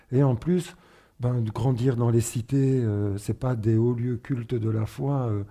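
Middle-aged guy from northern spain, really dark mellow voice, reflective, lots of restarts. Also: medium pitch. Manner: reflective, halting with fillers and restarts. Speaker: guest. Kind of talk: personal testimony interview.

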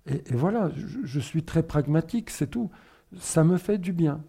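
A middle-aged man from northern Spain, a guest in an interview, speaking reflectively and haltingly with fillers and restarts. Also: fairly high pitch, expressive, creaky, mellow, breathy edge. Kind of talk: personal testimony interview.

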